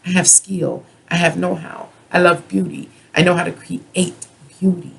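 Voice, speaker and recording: A person from the United States giving a rambling, drunken tarot reading as a monologue, halting, drawing out words and repeating points in a raspy voice. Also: medium pitch, fairly even intonation, fairly bright tone, poor audio. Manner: self-described drunken ranting, halting with drawn-out words and repetition. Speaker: tarot and astrology reader.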